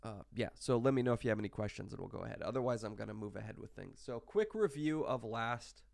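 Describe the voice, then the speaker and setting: A man's voice: on the low side, expressive, fast talker, creaky, a little mellow, dry recording, clean studio sound. A sick man with hiccups, casually talking through a recorded online math lecture with many fillers and restarts. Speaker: math instructor.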